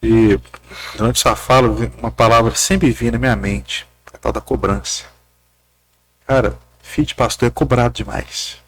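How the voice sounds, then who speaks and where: A man's voice: medium pitch, steady tone, normal speed, dry recording. A man interviewing a guest and then giving earnest, direct counsel, addressing him informally.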